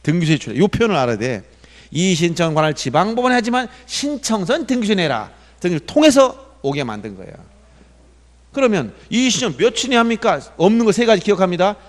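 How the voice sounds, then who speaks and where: Male lecturer, high pitch, exam-prep law class, quizzes the room and answers himself, emphatic, long hall reverb. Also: big pitch swings, quick pace. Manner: asks questions and answers them himself, emphatic.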